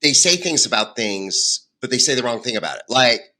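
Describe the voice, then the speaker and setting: A man's voice: medium pitch, lively intonation, normal speed, bright, forceful tone. A man in his fifties hosting a podcast, chatting and reminiscing in a loose, filler-filled way. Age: 50s. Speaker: podcast host. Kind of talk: casual chat.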